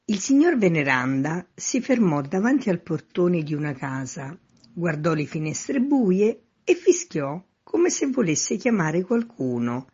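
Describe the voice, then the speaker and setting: Woman storyteller, low and husky, lively reading, muffled lo-fi sound. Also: unhurried. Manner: lively, acts out shouted dialogue in raised voices. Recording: dull, lo-fi recording.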